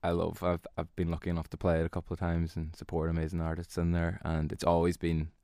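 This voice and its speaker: A man's voice: deep voice, monotone, fast, dark tone, dry recording, studio quality. A man with a Donegal Irish accent, chatting casually as a musician in an interview, in a modest, hesitant, easygoing way. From Donegal, Ireland.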